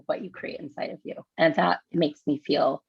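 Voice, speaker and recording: A woman guest in a casual podcast chat, chatty, filling with "like" and quick to laugh. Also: deep voice, steady tone, creaky, slightly rough, no echo, dull audio. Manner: chatty, lots of fillers, laughs easily. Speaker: guest, dance studio owner.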